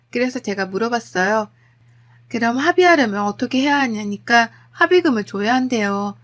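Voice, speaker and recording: A woman narrating a first-person story in a plain, matter-of-fact way. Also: mid-range voice.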